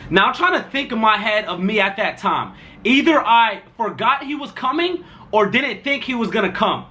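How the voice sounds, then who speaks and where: A young adult storytime vlogger rambles through a casual tale, his high voice bright and lively at a normal speed. His delivery is loose and full of slang, and he keeps circling back with filler words.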